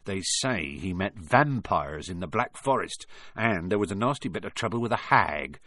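A man voicing a huge, kindly giant with a rough, homely way of talking. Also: sits low, expressive, normal speed, bright, forceful tone, dry recording, pitched below the performer's own voice, exaggerated voice. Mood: cheerful. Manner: homely, rough-edged and friendly.

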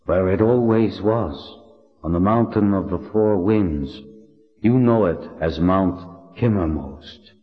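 A man voicing the spirit of an ancient male ancestor, speaking slowly and solemnly in riddles. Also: sits low, in a large hall, dull audio, soft background music.

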